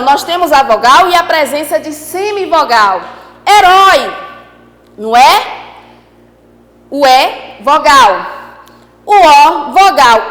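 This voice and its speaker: A woman teacher giving an online class, lively, asking the class questions and repeating key points. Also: sits high, roomy sound, big-room sound.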